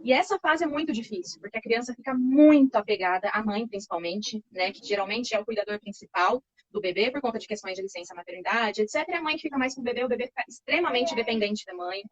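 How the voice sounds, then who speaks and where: A woman, calmly explaining baby development as an interview guest, reassuring and patient, often checking in with tag questions. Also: fairly high pitch, fast, hardly any pauses, breathy edge, dry recording. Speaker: child development expert guest. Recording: slightly muffled lo-fi recording.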